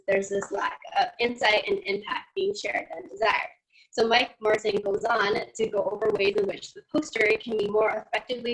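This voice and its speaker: A woman's voice: mid-range voice, fairly bright tone, rough recording. A woman giving an online conference presentation, explaining slide by slide, her call audio cutting out with static. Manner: explains slide by slide, starting sentences with "so". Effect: audio cutting out with static on a video call. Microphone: computer mic on a video call.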